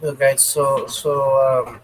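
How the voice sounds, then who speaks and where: A man co-hosting a casual podcast, talking slowly with many pauses and ums, repeating his points in Spanish. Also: medium pitch, fairly even intonation, slightly rough, poor audio. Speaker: podcast co-host. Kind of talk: casual bilingual podcast chat.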